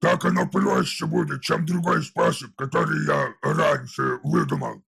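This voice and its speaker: A man voicing a huge, crude, mocking male orc warlord with a rough, gravelly voice and slangy speech in an audiobook. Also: a little high, unhurried, fairly bright tone, voice pushed up, full character voice. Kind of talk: audiobook character voice.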